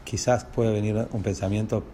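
A man's voice: fairly low pitch, fairly even intonation, normal speed, mellow, a little hiss or hum. A man with a Rioplatense Spanish accent teaching a lesson on a religious text. He explains step by step and asks the class rhetorical questions.

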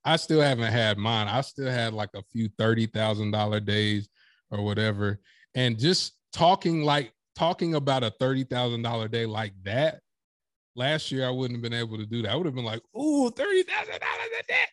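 A professional speaker appears as a podcast guest, chatting casually and emphatically and acting out quotes as he tells animated stories. His mid-range voice moves at a moderate pace, with clean studio sound and no room sound.

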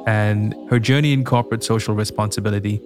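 A man's voice: lowish voice, steady tone, fast talker, music in the background. A man hosting a podcast, telling stories in a reflective way and introducing a guest. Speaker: podcast host. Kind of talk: scripted intro and casual chat.

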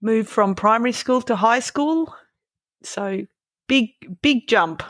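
Born in Malaysia and moved to Australia around twelve, a woman in her fifties with an Australian accent tells her story as an interview guest, casual, candid and a little self-deprecating. Her voice is on the high side, slow and a bit bright, with no room sound.

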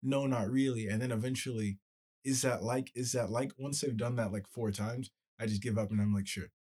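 A man's voice: mid-range voice, steady tone, a little fast, darkish tone, husky. A man in casual podcast chat, telling stories and acting out other people's lines in a raised voice.

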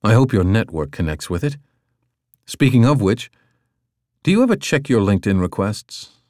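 A man reading an audiobook, voicing a friendly male friend who gently chides. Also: fairly low pitch, big pitch swings, moderate pace, dry recording, clean studio sound. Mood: chiding.

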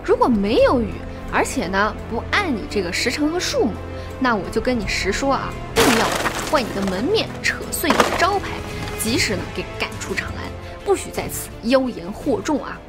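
A woman's voice: a little high, big pitch swings, a little fast, over loud music. A woman voicing a proud, hot-tempered male dragon king in a storybook tale, blustering and demanding. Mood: threatening. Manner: blustering, threatening.

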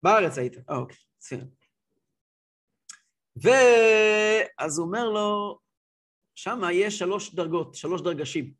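A man teaching a religious class as a rabbi, telling stories in an animated way and acting out scenes. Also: high-pitched, pauses often. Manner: animated, acts out scenes, repeats words. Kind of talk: lively storytelling lesson.

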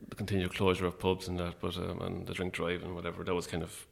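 A man with an Irish midlands accent talking casually and a little hesitantly as an interview guest, in a low-key, wry way. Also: monotone, quick pace, gravelly. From Longford, Irish midlands.

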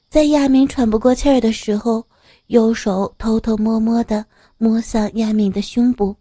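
A woman narrating an audio story in a smooth, steady reading voice. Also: fairly high pitch, no room sound.

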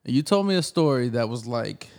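A man's voice: mid-range voice, lively intonation, fairly quick, creaky, a little mellow. Laid-back rambling man co-hosting. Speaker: podcast co-host. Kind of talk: casual chat.

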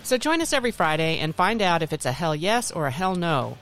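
A woman's voice: lowish voice, sing-song, fairly quick, a bit bright, soft background music. A woman speaking casually as the host of a podcast.

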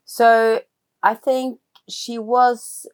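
A woman's voice: on the high side, level tone, extremely slow. A middle-aged woman, a film writer-director, speaking English as an interview guest, thoughtful and hesitant with frequent restarts. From Norway. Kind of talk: reflective personal interview.

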